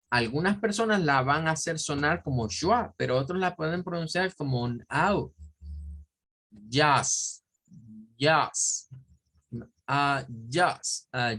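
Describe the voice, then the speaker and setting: Male teacher, Spanish speaker, unhurried pace, patient drill-style explanations with repeated words. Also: fairly high pitch, fairly bright tone, breathy edge. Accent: Central American Spanish. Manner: looks up words in an online dictionary as he talks. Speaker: English teacher. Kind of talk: online pronunciation lesson.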